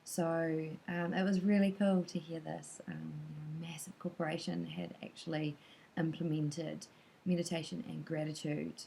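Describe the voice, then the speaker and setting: A woman's voice: deep voice, flat delivery, normal speed, vocal fry, warm tone, slight background noise, rough recording. A woman casually recapping a talk she attended, chatty and hesitant with many filler sounds. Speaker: vlogger recapping a conference talk.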